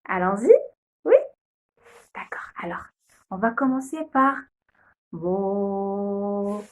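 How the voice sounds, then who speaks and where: A young woman, a kindergarten teacher, slowly and patiently sounding out letters and syllables in a phonics lesson video. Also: high voice, lively intonation, fairly bright tone, soft background music.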